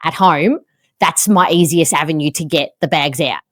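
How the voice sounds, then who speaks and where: An Australian woman hosting a podcast, telling a story in an animated, self-mocking way. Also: low voice, moderate pace, no echo, studio quality. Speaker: podcast host. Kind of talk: casual chat, storytelling.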